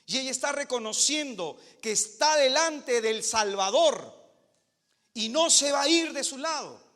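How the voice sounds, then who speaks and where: A man's voice: extremely high pitch, lively intonation, measured pace, a bit bright, big-room sound. A male preacher delivering an emphatic, dramatic sermon full of rhetorical questions.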